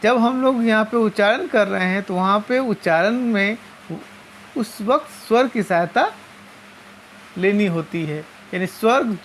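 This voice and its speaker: A woman teaching a lesson, explaining step by step and slowly spelling out each sound. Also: mid-range voice, a little hiss or hum. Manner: slow and methodical, repeating and spelling out sounds.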